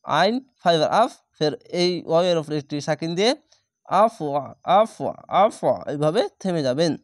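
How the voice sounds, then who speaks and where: A man leads a patient recitation lesson, breaking each word into letters and vowel marks before chanting it slowly. His voice sits a little high and rings smooth and clear. The sound is dry and close. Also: dry recording. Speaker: Quran recitation teacher.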